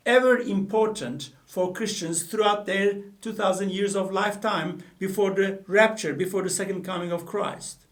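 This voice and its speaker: A middle-aged Turkish man with a Turkish accent and a high-sitting voice teaches the Bible earnestly to the camera in a small studio room, recorded on a distant mic. He gestures with both hands and often repeats and corrects himself.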